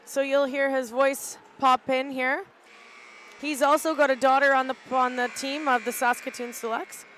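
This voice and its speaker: A middle-aged woman giving casual, halting live play-by-play commentary from an arena balcony, with lots of "uh" fillers. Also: high-pitched, flat delivery, fairly bright tone, slight background noise, poor audio. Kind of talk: live amateur sports commentary. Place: arena balcony above the rink.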